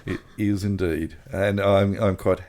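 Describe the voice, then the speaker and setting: A man co-hosting a podcast in casual chat, halting with restarts and chuckles. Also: sits low, steady tone, darkish tone. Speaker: podcast co-host.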